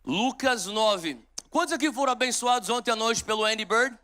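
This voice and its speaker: A man's voice: very high-pitched, normal speed, background noise. A man in his forties from São Paulo with a São Paulo Brazilian Portuguese accent, preaching a live sermon and leading prayer with fervent exhortations and frequent restarts. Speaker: pastor. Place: large church auditorium with live audience.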